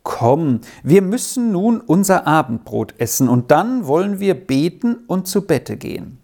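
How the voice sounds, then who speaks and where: A reader voicing a gentle old grandmother. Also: mid-range voice, very animated, creaky, exaggerated voice. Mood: gentle, admonishing. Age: over 60. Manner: soft, admonishing, slow and thoughtful. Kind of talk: storybook reading.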